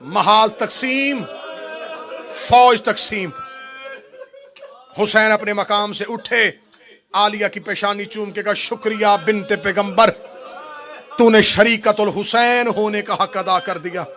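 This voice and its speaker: A male preacher from Pakistan giving a mourning sermon, telling the story dramatically and swinging from hushed lines to shouted ones. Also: sits high, fairly even intonation, slow, pauses often. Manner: dramatic storytelling, voicing quoted speech.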